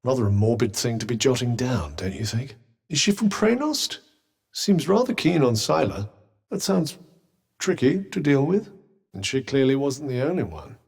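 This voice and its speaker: In video game dialogue, a man with a British accent voices a haughty, sardonic, well-spoken talking magical cuff, dry, condescending, and theatrical. His full character voice is medium-pitched, very animated, creaky, darkish, and slightly rough, at a moderate pace.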